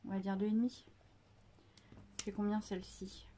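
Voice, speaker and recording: A woman's voice: mid-range voice, level tone, normal speed, warm tone, a little hiss or hum. A woman hosting a casual scrapbooking tutorial, chatty and hesitant with many fillers, joking about herself.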